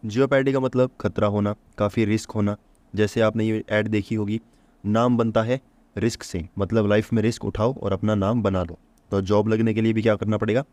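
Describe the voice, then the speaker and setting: A fairly low, slightly mellow male voice, recorded dry, teaches vocabulary for exam prep. He answers his own rhetorical questions to the listener and drills the memory tricks by repeating each one.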